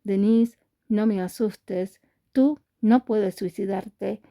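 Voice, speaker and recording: A woman reading aloud and voicing a furious young woman who shouts and demands to be let in. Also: medium pitch, slow pace, no echo, clean studio sound. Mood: alarmed.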